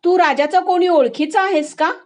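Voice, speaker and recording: A woman's voice: very high-pitched, normal speed. A woman voicing stern male palace gatekeepers who keep questioning a stranger. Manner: insistent, questioning.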